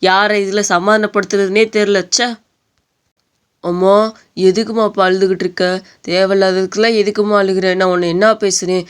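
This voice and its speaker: A woman voicing a patient young husband in an animated story, talking in a soothing, coaxing way. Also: mid-range voice, moderate pace, clear, resonant tone, lightly acted. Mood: exasperated.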